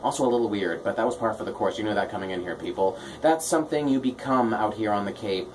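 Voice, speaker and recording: A man's voice: fairly low pitch, fast talker, slight background noise, rough recording. A man hosting a radio show with casual comic patter, tongue-in-cheek and self-deprecating. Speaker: radio host, DJ.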